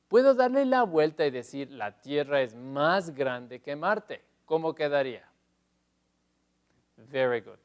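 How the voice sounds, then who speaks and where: A man teaching English grammar in Spanish in a televised lesson, explaining step by step and loudly stressing each English example. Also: medium pitch, clean tone.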